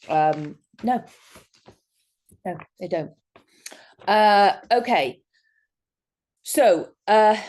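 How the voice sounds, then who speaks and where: Animated woman leading a wellbeing workshop. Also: lowish voice. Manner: animated, acts out quoted reactions. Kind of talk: casual workshop talk.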